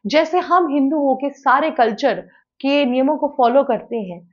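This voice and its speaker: A woman's voice: high voice, unhurried. A woman presenting opinion commentary for a news channel, arguing earnestly and asking rhetorical questions. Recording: slightly dull lo-fi sound.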